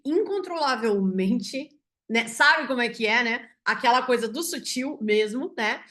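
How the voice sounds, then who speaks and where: Animated Brazilian woman doctor telling a case. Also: sits high. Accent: Brazilian Portuguese. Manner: animated, tags sentences with "né?". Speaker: physician teaching symbolic medicine. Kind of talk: storytelling a case to an online audience.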